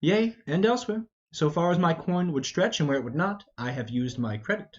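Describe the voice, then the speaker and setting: A man's voice: a little high, expressive, a little fast, natural voice. A man voicing a witty, teasing young prince with bantering retorts in an amateur Shakespeare reading. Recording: dull, lo-fi.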